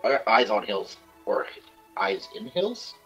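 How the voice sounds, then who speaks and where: A man with a low voice that swings up and down a lot, chatting casually over a game stream. He jokes around and keeps trying out silly impressions. Faint music plays under the talk. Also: sing-song, slow, fairly bright tone, dull audio. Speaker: streamer playing an online game with friends. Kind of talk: casual gaming chat.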